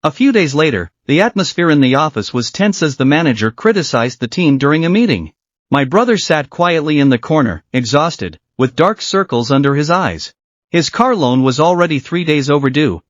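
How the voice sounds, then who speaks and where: A man's voice: fairly high pitch, very animated, normal speed, no room sound. A man narrating a manhwa recap in a dramatic storytelling style. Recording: dry, dull lo-fi voice.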